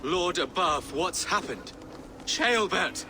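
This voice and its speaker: Slow, solemn, pious bishop. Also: male voice, high-pitched, lively intonation, music in the background. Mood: shocked. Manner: solemn, deliberate. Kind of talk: video game voice acting.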